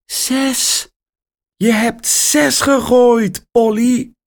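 A man's voice: on the high side, wildly swooping pitch, slow pace, darkish tone, pitched above the performer's own voice, full character voice. A man voicing an eager, cheerful young girl in a children's story, his voice raised and bouncy. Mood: excited.

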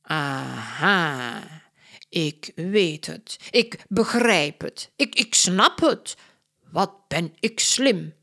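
A woman playing a polite, slow-spoken detective. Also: lowish voice, expressive, gravelly, fairly bright tone, full character voice. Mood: musing. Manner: slow, measured, courteous. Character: polite older male detective, calm and deliberate.

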